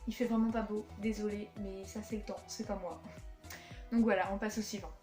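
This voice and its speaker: A woman's voice: medium pitch, little pitch movement, brisk, warm tone. A young woman chatting casually in her room as she shows her collection, with many fillers and restarts. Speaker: vlogger showing her collection. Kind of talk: casual chat. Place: her room at home, indoors. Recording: echoey room, faint music behind.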